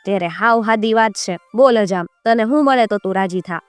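A woman's voice: mid-range voice, clean tone, no echo, lightly acted. A foolish, commanding king from a folk tale, told by a woman storyteller, speaking. Dry, close sound with faint music behind. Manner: commanding, quick to rule. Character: foolish decree-giving old-time male king.

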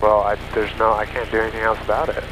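A man's voice: on the low side, flat delivery, fast. Man chatting casually over propeller plane noise. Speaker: pilot and vlogger. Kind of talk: casual vlog chat. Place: small bush plane cockpit in flight. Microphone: aviation headset. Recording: noisy small propeller plane cockpit.

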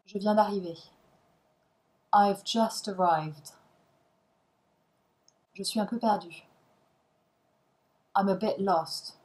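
A woman reads set phrases for a language lesson, one short line at a time, each followed by its translation. She speaks at a very slow, deliberate pace with long pauses. Her pitch sits in an ordinary middle range. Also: a little mellow, poor audio. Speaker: language teacher.

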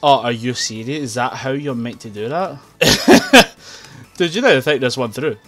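Excitable gamer with lively pitch. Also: male voice, unhurried, soft background music. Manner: excitable, frustrated outbursts and laughing. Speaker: gaming YouTuber. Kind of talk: let's play commentary. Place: home room at a computer. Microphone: desk mic near keyboard.

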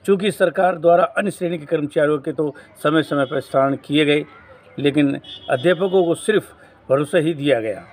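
A man's voice: fairly high pitch, brisk, darkish tone. Man giving a local news report. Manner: formal, reads out the memorandum.

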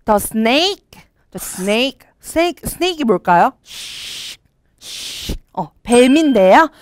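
A young woman in a green-screen studio reads a storybook aloud to teach children English. Her voice is a little high and sing-song, and she reads each line slowly and clearly before explaining it.

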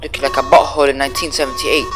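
A woman's voice: extremely low pitch, flat delivery, rapid-fire, over loud music. Woman doing a cocky street guy. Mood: brash. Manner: loud taunting outbursts, slangy, bossy. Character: brash young British street guy, trash-talking gamer. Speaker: gamer. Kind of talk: playing a video game on camera.

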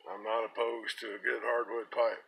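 A middle-aged American man talks casually and plainly, like a vlogger rambling from his car. His voice sits fairly low with plenty of gravel. It has a bright, forceful edge. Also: little pitch movement, normal speed, low-quality recording. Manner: folksy, plain-spoken. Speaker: pipe-smoking vlogger. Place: inside a parked car. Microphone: phone at arm's length.

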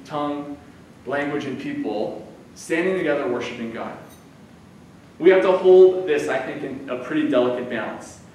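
Recorded by a far-off camera in an echoey church sanctuary, a guest preacher from the United States, a man in his thirties, delivers a sermon in a conversational style and gestures with his hands. His voice is a little high, and there's a little hiss or hum.

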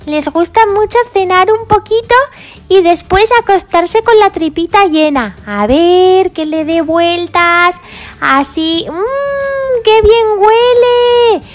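A woman from voicing a cheerful little girl pig who fusses over her baby dolls in a sing-song, drawn-out way. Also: very high voice, expressive, full character voice. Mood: doting. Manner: sing-song, fussing and doting, drawn-out words.

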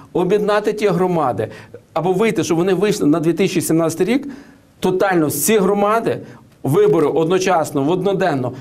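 Hesitant man with a fairly high voice. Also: darkish tone. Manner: hesitant, many fillers and restarts, tells anecdotes. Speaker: political and economic commentator. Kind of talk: studio interview.

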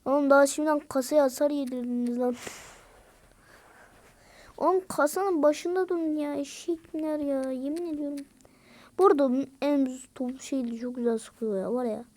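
High-voiced excitable woman gamer. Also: moderate pace. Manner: excitable, yells at teammates in bursts; slangy, rough-talking banter. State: out of breath. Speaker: gaming video creator. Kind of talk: casual gameplay commentary. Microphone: screen-recorded game commentary mic.

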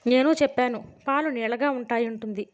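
A woman's voice: on the high side, fairly even intonation, fairly quick, lightly acted. A woman narrator voicing a resentful woman who complains defensively about the girl. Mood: complaining. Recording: dull lo-fi sound.

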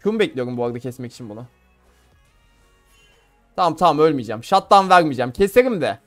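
A man's voice: a little high, very animated, fast, fairly bright tone, faint music behind. A young man from Turkey giving casual, playful commentary on his own gameplay, laughing and talking to viewers. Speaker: gamer streamer.

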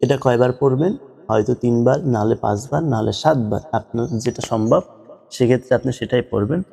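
A man teaching how to pronounce prayer recitations, drawing out each word slowly in demonstration. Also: medium pitch, gravelly, warm tone, husky, in a large hall. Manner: slow, drawn-out demonstrations of pronunciation. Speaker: religious teacher.

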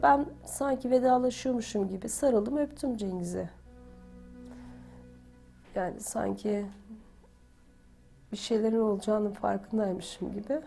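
A woman's voice: mid-range voice, measured pace, creaky, pauses often, dark tone, soft background music. A woman recounts a family ordeal for a documentary, reenacting conversations by quoting who said what. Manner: retells events by quoting dialogue with "dedim" and "dedi". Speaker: family member interviewed for a documentary. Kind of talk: emotional first-person recollection.

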